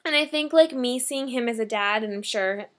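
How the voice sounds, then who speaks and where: Young Canadian woman vlogger, high-pitched, chatty and self-deprecating. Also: normal speed, a bit bright. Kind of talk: casual vlog chat.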